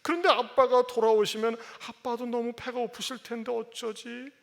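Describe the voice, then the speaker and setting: A man's voice: little pitch movement, moderate pace, gravelly. A man voicing a small boy who pleads with his father through tears, at a sermon. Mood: explaining. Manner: high, crying, pleading. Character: little boy, a young son, tearful and pleading.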